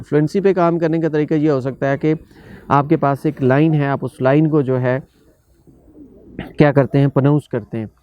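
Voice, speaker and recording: A man's voice: medium pitch, mellow, no echo. A man from Pakistan, teaching spoken English in a casual lesson that mixes Urdu and English, listing points one by one with many fillers. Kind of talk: online language lesson. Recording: dull, muffled recording.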